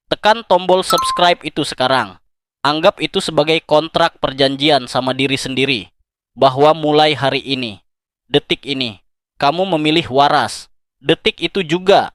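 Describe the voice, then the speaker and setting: A man's voice: on the high side, fairly bright tone, no room sound, studio quality. Intimate, dramatic male self-help narrator. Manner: dramatic, intimate direct address to the listener. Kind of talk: scripted motivational narration.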